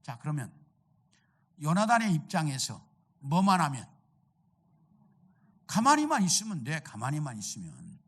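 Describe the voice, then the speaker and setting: A man's voice: on the high side, very animated, a little slow, long pauses, fairly bright tone. A middle-aged man, senior pastor, preaching a sermon and telling the story with acted-out dialogue, asking questions and answering them himself. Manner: storytelling preacher who acts out the characters' quoted lines.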